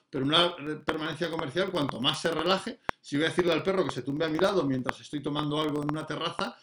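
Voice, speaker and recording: A man teaching dog training in a casual, explanatory way, with many fillers and restarts. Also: a little high. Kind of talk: casual spoken lesson. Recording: noticeable background noise.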